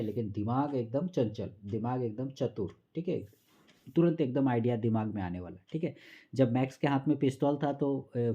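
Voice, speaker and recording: A man teaching an exam-prep literature lesson, reading lines slowly and then explaining them patiently and repetitively. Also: medium pitch, warm tone, breathy edge, lo-fi sound. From Jharkhand or Bihar, India.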